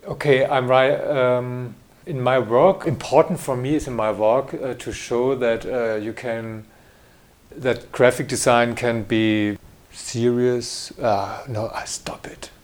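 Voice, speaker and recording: A middle-aged German graphic designer answers interview questions in English, his German accent clear as he hesitates, restarts and fills gaps. His male voice is medium in pitch, steady in tone and slow in pace.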